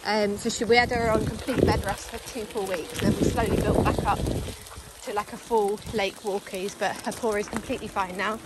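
A vlogger rides an electric bike down a forest track, chatting casually to the camera at a fairly quick pace. Whenever she calls her dogs, her voice shifts into a high, coaxing sing-song. Steady wind and road noise sit clearly beneath her in this outdoor recording.

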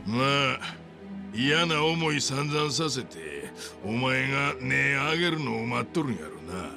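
A man playing a scornful, domineering middle-aged yakuza boss in a video game, with a Kansai accent and a gravelly, mocking, bullying delivery. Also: mid-range voice, very animated, a little slow, music in the background. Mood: scornful, goading. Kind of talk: dramatic video game acting.

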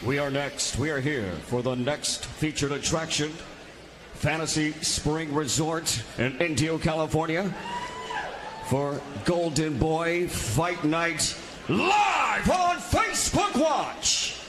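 A man with a high voice announces from a boxing ring in formal, theatrical style, stretching out his big introductions. His voice echoes through the venue over loud noise. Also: expressive. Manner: theatrical, drawn-out booming introductions of names. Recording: echoing arena PA with loud background noise.

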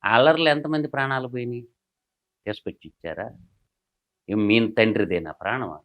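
A man, a political analyst who delivers heated commentary through rapid, combative rhetorical questions. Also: medium pitch, very animated, lo-fi sound.

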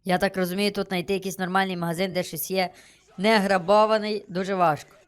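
An excitable man talks his way through a game. His commentary is casual and chatty, and he thinks out loud about each move as he goes. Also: high-pitched, quick pace, smooth. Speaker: gaming streamer.

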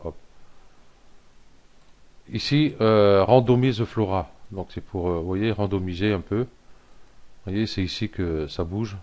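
A man giving a casual software tutorial, thinking aloud with lots of fillers and little self-deprecating asides. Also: low-pitched, muffled recording. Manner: rambling, thinks aloud with many fillers and "hop". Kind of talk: casual screen-recorded tutorial.

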